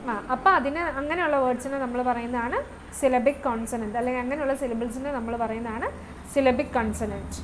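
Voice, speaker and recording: A woman with a high, light voice teaches a class. She moves between English terms and her own language and pauses to check that her students follow. A faint hum sits under her voice. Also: rough recording. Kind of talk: online class lecture.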